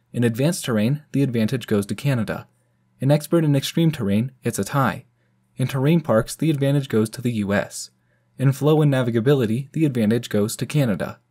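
A man's voice: medium pitch, warm tone, husky. A man from the United States hosting a channel and narrating a scripted ski review as voice-over. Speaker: channel host.

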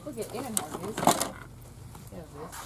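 A woman's voice: medium pitch, expressive, moderate pace. A teenage girl vlogging while shopping, giggly and hesitant, full of fillers, on a handheld camera in a store. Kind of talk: casual chat while shopping. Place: indoors in a store. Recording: noisy store ambience.

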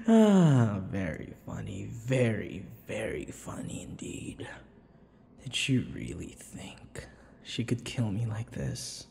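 An audio roleplay performer plays an obsessive, menacing vampire lover centuries old in an ASMR boyfriend roleplay, breathy and heavily acted, often sinking into whispers. His fairly low, darkish voice swings widely in pitch, slow and dramatic, veering between tender and unhinged with a bitter, scornful mood. The recording has a long, echoey reverb and faint noise.

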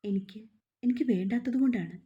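Narrator voicing shy young wife, hesitant storybook reading, dark mellow tone. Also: female voice, mid-range voice, fairly quick, dull audio, close to an everyday voice. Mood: frightened. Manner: hesitant, stammering. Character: timid young wife, frightened and tearful.

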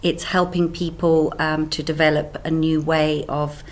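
A South African woman in her fifties, appearing as a sales trainer guest, answers interview questions candidly and chattily, laughing easily. Her voice is low-pitched with little pitch movement, and she speaks a little slowly.

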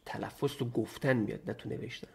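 A man recording a casual screen tutorial, thinking aloud and dictating in slow, halting bits as he types. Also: lowish voice, vocal fry, slightly rough. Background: keyboard typing and mouse clicks.

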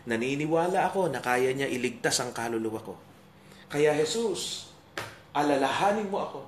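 A man's voice: medium pitch, lively intonation, moderate pace, slight background noise, close to an everyday voice. A man voicing a dying criminal who openly declares his faith, with pleading, fervent lines, in a roomy hall. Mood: earnest. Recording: roomy hall with faint ambience.

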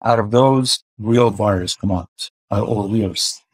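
Interviewed by video call from a room in his home, a man in his forties who films cars speaks hesitantly, filling pauses often, with a mixed Iranian and Swedish accent. He takes it slowly in a lowish, darkish, husky voice, picked up by his webcam with no room sound.

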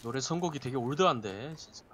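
A man's voice: medium pitch, expressive, fast, a bit bright, slight background noise. A man in his mid-twenties chatting politely with his squad while playing a shooter. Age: 20s. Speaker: squad player. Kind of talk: casual gaming chat.

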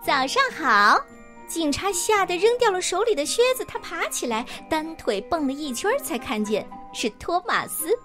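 A woman telling a children's storybook tale in a playful, sing-song way. Her voice sits high and swoops lively up and down. Soft music plays under her. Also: moderate pace, few pauses.

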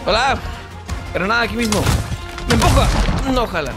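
A man commenting casually on his gameplay, excitable and cursing at the game, often shouting. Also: sits high, a little fast. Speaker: gaming channel host. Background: game music and gunfire.

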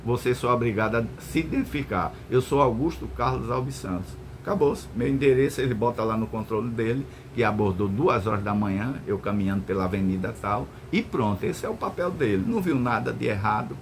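A man's voice: fairly quick, hardly any pauses, a little hiss or hum. An older man explaining the law in a casual, emphatic way. He repeats himself and keeps checking that the listener follows. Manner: emphatic, repetitive, keeps asking "entendeu?" and saying "meu irmão"; lively swings in pitch, mock-stern asides. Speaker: law lecturer answering viewer questions.

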